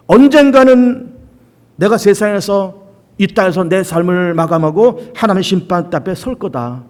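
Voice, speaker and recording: Male pastor in the pulpit, high and animated voice, repeats key lines for emphasis. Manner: emphatic repetition and rhetorical questions. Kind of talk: sermon.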